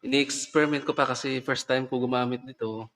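A man's voice: medium pitch, fairly even intonation, brisk, a bit bright. A man vlogging casually and chattily, trying out a new condenser mic and sound card. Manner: chatty, giggly, trying out gear. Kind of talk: casual vlog chat. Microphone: condenser microphone.

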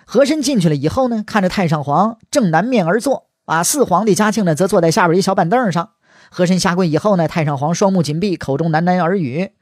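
A man's voice: high-pitched, quick pace, dry recording, clean studio sound. Chatty male storyteller. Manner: chatty, asides to listener, heavy erhua. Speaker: history storyteller. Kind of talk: colloquial storytelling.

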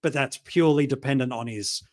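A man's voice: mid-range voice, fairly quick. A man in a casual panel chat, talking easily with ums and plugging the channel. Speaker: fantasy football panelist.

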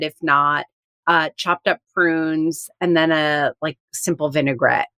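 A woman's voice: low voice, a bit bright, no echo, studio quality. A woman co-hosting a podcast in casual chat, enthusiastic and talkative, often laughing. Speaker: podcast co-host.

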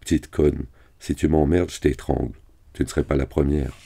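A man's voice: a bass voice, fairly even intonation, moderate pace, vocal fry, dark tone, husky, full character voice. Man reading as a crude menacing cartel gunman.

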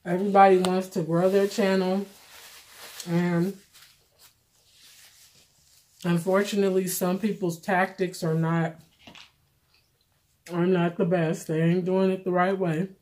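A middle-aged woman giving casual, plainspoken vlog commentary while eating, pausing for bites and repeating phrases for emphasis. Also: lowish voice, level tone, darkish tone. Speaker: vlogger. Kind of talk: casual mukbang commentary chat.

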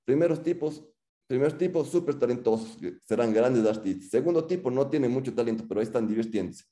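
A man's voice: medium pitch, lively intonation, brisk, dark tone, natural voice. A man voicing a stern female school director who talks in a blunt, dismissive way.

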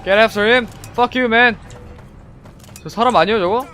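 A young man streaming a video game live, swearing a lot and shouting at the action on screen. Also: very high voice, slow. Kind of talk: live gameplay commentary. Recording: game music behind. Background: faint game music.

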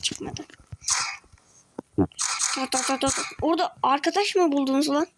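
A young woman giving casual commentary over a video game, excitable, talking to viewers and to enemies in the game, and often dropping to a whisper. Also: high-pitched, a little slow, noisy background. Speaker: gaming video creator.

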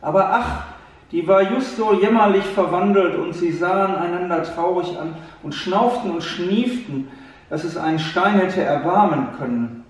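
A storyteller with a high voice gently tells a fairy tale to a child at a normal speed, addressing the listener directly. He's picked up by a distant mic in an echoey room.

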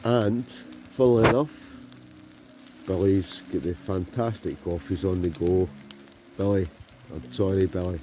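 Speaking slowly with frequent pauses, a low-pitched, steady-toned man from Scotland vlogs an evening of outdoor campfire cooking, chatting cheerfully to his audience. Background noise, music and sizzling food fill the casual camping recording.

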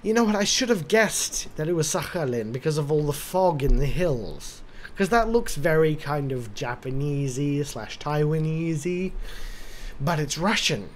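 A man's voice: fairly high pitch, animated, unhurried, slight background noise. A drunk man giving casual, rambling commentary on a game, swearing and talking to himself. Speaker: gaming commentator.

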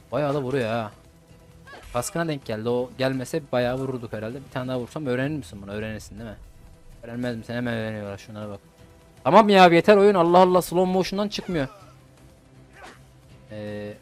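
A young man giving casual, slangy gameplay commentary and swearing at his opponents. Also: mid-range voice. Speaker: gaming YouTuber. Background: game music.

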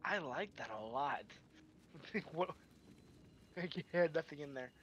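A man's voice: on the high side, lively intonation, slow pace, fairly bright tone, dull audio, a little hiss or hum. A man playing a video game with friends, hesitant and full of fillers, cracking crude jokes. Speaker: co-player on a stream. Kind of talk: casual gameplay chat.

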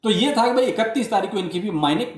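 Lively high-pitched man, echoey room. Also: fast talker. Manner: chatty, repeats filler phrases, calls viewers brother. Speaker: crypto YouTuber. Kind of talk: casual explainer talk to viewers. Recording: roomy echoey room sound.

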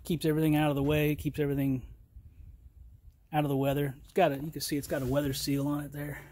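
For his casual product review vlog, a channel host stands in a yard beside a trailer and reviews a trailer tool box. His voice is flat and a little high, his manner plain, unhurried and folksy with fillers, and there is slight background noise.

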